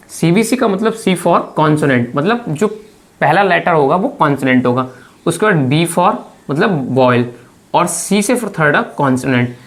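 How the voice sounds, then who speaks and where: Woman, low pitch, grammar teacher, patient step-by-step video lecture. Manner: explains step by step, repeats "friends" and "okay" often.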